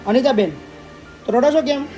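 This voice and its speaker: A man's voice: very high-pitched, a little fast, a little mellow, faint music behind. A man running an old-age home, consoling and questioning elderly arrivals in an on-the-spot interview.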